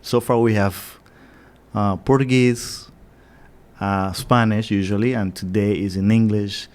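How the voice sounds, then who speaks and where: A man's voice: lowish voice, fairly even intonation, unhurried, a little mellow. A man hosting an interview, talking in an encouraging, affirming way to his guest. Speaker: interview host. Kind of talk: interview conversation.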